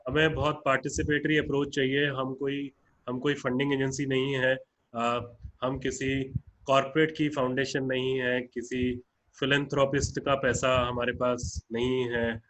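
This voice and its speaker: A man's voice: mid-range voice, flat delivery, measured pace, a bit bright, poor audio. Indian man, founder addressing partners, earnest and plain-spoken, video-call sound with faint hiss. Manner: earnest, plain-spoken, mixing in English phrases. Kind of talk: online webinar talk.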